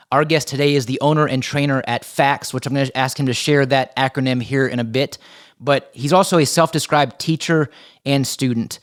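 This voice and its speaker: A man hosting a podcast with an upbeat, energetic delivery. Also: medium pitch, no echo, studio quality. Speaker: podcast host.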